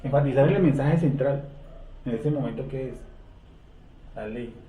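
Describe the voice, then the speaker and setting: Leading a Bible class at a moderate pace, this man has a mellow, mid-range voice and keeps asking rhetorical questions that he then answers. The sound is tinny, with room echo, a far-off microphone, and slight background noise.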